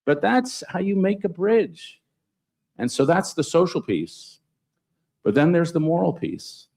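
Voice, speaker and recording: A man speaking on a conference panel, telling anecdotes with sudden upward jumps in pitch for emphasis. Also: sing-song, measured pace, creaky, a little mellow. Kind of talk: panel discussion storytelling.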